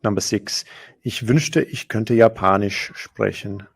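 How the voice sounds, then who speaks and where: Speaking on the low side, a man patiently walks learners through grammar example sentences. He slows down whenever he says a foreign phrase so it comes across clearly.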